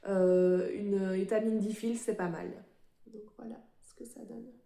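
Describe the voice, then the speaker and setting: A woman's voice: medium pitch, steady tone, gravelly, warm tone, roomy sound. A woman presenting her embroidery projects in a casual show-and-tell, a little nervous and hesitant, with many fillers and restarts. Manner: self-described fast talker, a bit nervous. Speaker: cross-stitch vlogger.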